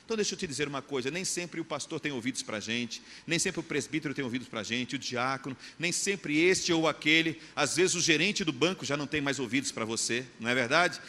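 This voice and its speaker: A man with a Brazilian Portuguese accent preaching a sermon as pastor, telling stories vividly and acting out the scenes. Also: medium pitch. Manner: animated storyteller, acts out scenes. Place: church hall. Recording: long church reverb, faint room noise.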